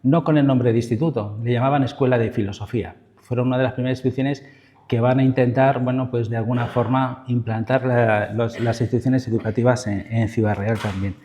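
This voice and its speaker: This man from Spain, speaking with a Spain Spanish accent, lectures on history as a professor, wandering into asides and using checking tags in a semi-improvised delivery. His voice is medium-pitched and dark in tone, with fairly even intonation and a fairly quick pace.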